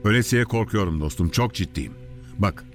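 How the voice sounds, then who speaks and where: A man's voice: fairly low pitch, expressive, normal speed, soft background music, natural voice. An actor playing an anxious radio host and father, pleading with and placating a hostage-taker in a dubbed thriller. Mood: frightened, exasperated. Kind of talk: dubbed film thriller acting.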